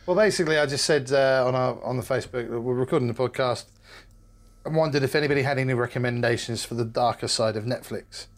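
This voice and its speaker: A man co-hosting a podcast in casual, teasing chat. His voice sits at an ordinary middle pitch and he jumps in quickly. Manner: jokey, teasing, quick to interrupt. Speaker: podcast co-host.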